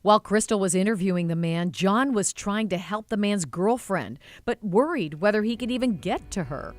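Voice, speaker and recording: A woman narrator giving measured, scripted documentary narration. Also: medium pitch, expressive.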